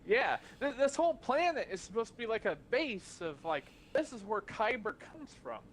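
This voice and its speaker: A man co-hosting a podcast in a casual chat, excitable and restarting his sentences as he goes. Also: high-pitched, a little hiss or hum. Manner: quick, excitable, stumbling restarts. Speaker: podcast co-host.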